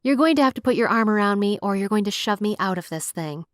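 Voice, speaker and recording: Woman reading as a playful pouty girl, wheedling and bright, dry sound. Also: mid-range voice, expressive, quick pace, no room sound, lightly acted. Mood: coaxing. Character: playful pouty young woman, teasing and persistent. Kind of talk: audiobook character voice.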